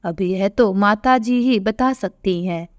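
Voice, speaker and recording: A woman voicing a calm male hospital doctor who explains a patient's condition in an audio story. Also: mid-range voice, takes it slowly, dry recording, clean studio sound, voice pushed down, close to an everyday voice. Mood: explaining. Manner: matter-of-fact, explaining.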